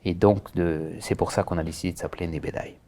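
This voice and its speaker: This man, who directs a Senegalese association, speaks low and steady at a quick pace, with a dark tone. Born in France and raised in Senegal, he answers interview questions earnestly, hesitating and restarting often.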